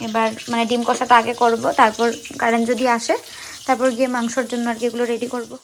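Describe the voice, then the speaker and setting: A woman's voice: fairly high pitch, level tone, fast talker, a little hiss or hum. A woman with a Bengali accent giving chatty, teasing running commentary as she cooks at home and films a vlog. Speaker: vlogger. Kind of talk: casual vlog narration while cooking. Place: home kitchen and outdoor yard.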